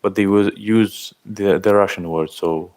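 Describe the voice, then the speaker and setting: A man in his thirties from Algeria, chatting casually on a livestream, reading out and thanking viewers' comments in halting speech. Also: fairly low pitch, fairly even intonation, a little mellow. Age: 30s. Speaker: livestream host. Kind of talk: casual live-stream chat.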